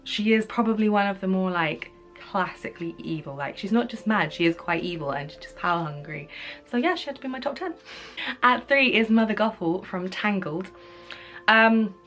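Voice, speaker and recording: A woman's voice: medium pitch, expressive, moderate pace, a bit bright, soft background music. A woman with a groggy, slightly congested voice from a cold and sore throat, chatting informally as she hosts a casual countdown vlog. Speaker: video host. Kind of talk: casual top ten list vlog.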